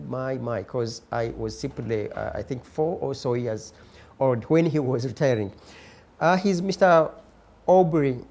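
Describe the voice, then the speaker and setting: A man with a Ugandan accent hosting a live-streamed studio interview, speaking courteously and formally with frequent hesitant pauses. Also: medium pitch, warm tone. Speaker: talk show host.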